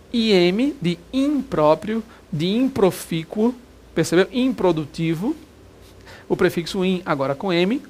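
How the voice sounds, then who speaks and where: A man teaching a recorded grammar lesson for exam prep, lively, and always asking the viewer questions. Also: high voice.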